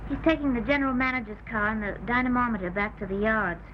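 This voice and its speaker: An actress playing a steady, dutiful young daughter in an early talkie film, on an old soundtrack. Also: female voice, fairly high pitch, quick pace, close to an everyday voice. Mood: earnest. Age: young adult. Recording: muffled, noisy 1930 film soundtrack.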